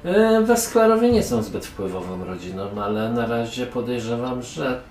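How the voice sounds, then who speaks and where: A man's voice: mid-range voice, expressive, normal speed, a little mellow, lightly acted. A man voicing a sarcastic, condescending young woman from a merchant family in a tabletop game. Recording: echoey room, mic far off, music behind.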